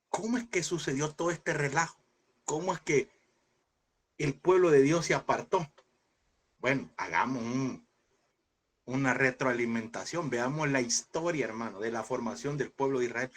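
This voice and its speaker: A man with a fairly high, slightly husky voice teaches a Bible class with preacher-like energy. He fires off rhetorical questions and jumps into high, shouted impressions when he acts out a scene. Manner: animated, mimics voices with sudden high shouts; addresses listeners as brother, rhetorical questions. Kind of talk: lively preaching lecture.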